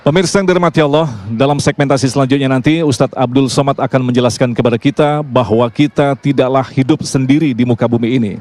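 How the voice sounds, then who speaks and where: A male TV program announcer reading scripted narration in a formal, measured presenter voice. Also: on the high side, darkish tone.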